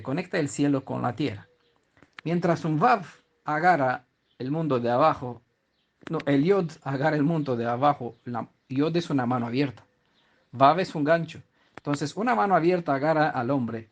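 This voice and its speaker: Man, scripture teacher, somewhat high voice, conversational, halting restarts. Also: darkish tone. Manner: conversational, often checks in with listeners. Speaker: Bible teacher.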